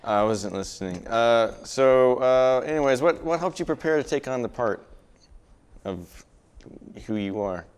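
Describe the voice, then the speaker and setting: A man's voice: mid-range voice, animated, a little slow, smooth. A man hosting a horror show, bantering and interviewing in a casual, dry, slightly hesitant horror-host manner.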